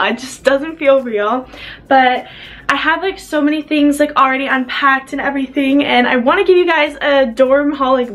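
A young adult woman vlogs from her small college dorm room, holding the camera at arm's length. Her high-pitched, fairly bright voice bubbles along in casual chat full of "like" fillers.

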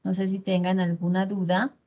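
A woman's voice: mid-range voice, flat delivery, moderate pace, a little mellow, lo-fi sound, slight background noise. A woman instructor giving an online class lecture over a video call, often checking in with her students through short tag questions.

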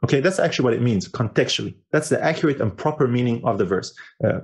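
A man preaching a sermon in an earnest voice, often restarting his sentences, lifting his pitch and slowing down on key phrases. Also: expressive, gravelly. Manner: frequent fillers and restarts.

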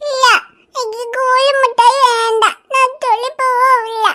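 This is a sulky little girl from a cartoon, voiced by a woman. She whines and whimpers through every refusal, her voice pitched very high and childlike. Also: flat delivery, unhurried, bright, forceful tone, heavily acted. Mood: tearful, stubborn. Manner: whiny, tearful pleading. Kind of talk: cartoon voice acting.

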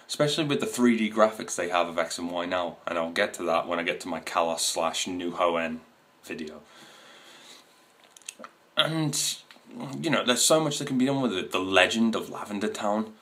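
Guy in his 20s rambling to camera, real deep voice, lots of ums. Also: expressive, moderate pace, sharp tone. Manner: rambling, many fillers and restarts. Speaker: video host. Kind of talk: casual to-camera talk. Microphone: camera mic.

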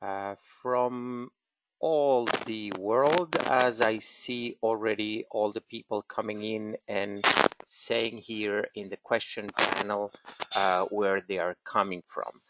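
Speaking slowly and carefully in a fairly low voice with fairly even intonation, a Venezuelan-accented man leads a live genealogy webinar and walks viewers through a website on screen share. He fills his speech with many fillers. He's in an office in Israel, and the home mic sounds dull and a little static.

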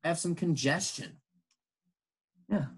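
Slow, patient bilingual English teacher man. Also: fairly high pitch, husky, low-quality recording. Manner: slow, patient explaining, switching between English and Spanish. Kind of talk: bilingual classroom lesson.

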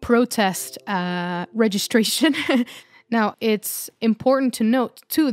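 A woman's voice: fairly high pitch, dry recording, studio quality. Upbeat woman hosting a podcast. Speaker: podcast host.

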